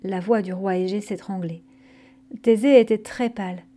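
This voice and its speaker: A woman narrating a scripted myth story in a calm, gentle storytelling manner. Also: medium pitch, normal speed.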